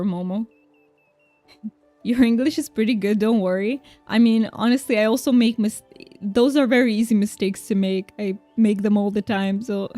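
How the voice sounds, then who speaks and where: A young Romanian-speaking streamer with a mellow, mid-range voice chats casually and reassuringly to viewers while she plays a game, laughing often. The recording has no echo.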